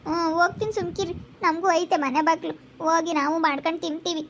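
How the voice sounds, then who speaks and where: A woman playing a hurt young married woman who is leaving home, speaking softly with a rural central Karnataka accent. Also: extremely high pitch, steady tone, quick pace, a little hiss or hum. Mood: hurt, subdued. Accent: rural central Karnataka Kannada. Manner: soft, subdued, wounded. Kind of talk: amateur family drama acting. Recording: muffled lo-fi recording.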